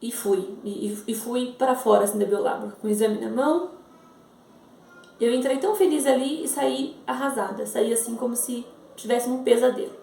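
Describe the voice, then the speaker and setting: Earnest Brazilian woman with a gravelly edge. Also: on the high side, normal speed, warm tone, roomy sound, far from the mic, a little hiss or hum. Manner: earnest, repeats phrases, addresses viewers directly. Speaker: mother sharing a faith testimony. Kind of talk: emotional personal testimony, told to viewers.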